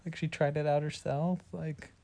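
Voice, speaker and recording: A woman's voice: low-pitched, flat delivery, normal speed, vocal fry, dark tone. A woman co-hosting a casual chat about a movie, playfully defending it and arguing back. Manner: playful, defends the film, many "like" fillers. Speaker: podcast co-host.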